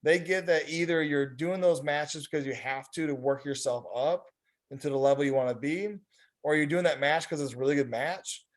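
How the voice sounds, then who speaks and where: Over a video call, a man with a somewhat high voice runs a focus group at a normal pace, talking casually and rambling with plenty of fillers like "you know."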